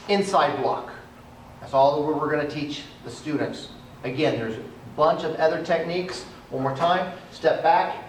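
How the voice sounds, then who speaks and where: Outdoors on a cement area, a male martial arts instructor walks through self-defense techniques step by step while demonstrating them. His voice is a little high, with a slight hiss or hum, and the distant camera audio sounds echoey.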